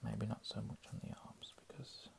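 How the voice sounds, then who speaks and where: A man reads in a hushed ASMR whisper, slow and under his breath, dropping in casual murmured asides.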